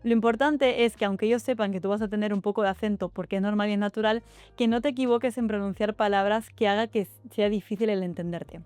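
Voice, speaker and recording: Faint music sits behind a young woman from Spain giving exam and study-abroad advice on her casual vlog. Her accented voice is medium-pitched, fairly even, a little mellow, clear and resonant with no echo, and her manner is chatty and upbeat with quick asides to the viewer.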